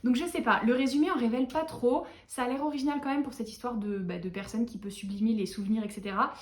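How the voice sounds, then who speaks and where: A tired young woman chatting casually to camera as a book vlogger, animated and self-mocking. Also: on the high side, fast. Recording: echoey room.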